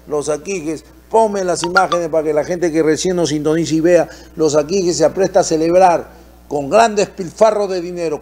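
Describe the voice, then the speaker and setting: A TV opinion host with a Peruvian accent delivers indignant political commentary packed with rhetorical questions. His voice is high-pitched with a somewhat dark tone.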